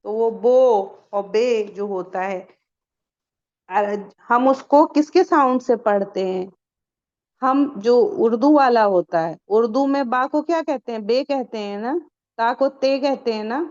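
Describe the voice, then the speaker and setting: A woman with a fairly high voice leads a recitation class for women. She keeps firing questions at her learners and answers them herself. The recording sounds dull and lo-fi. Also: darkish tone. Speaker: Quran recitation teacher. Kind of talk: online tajweed class for women.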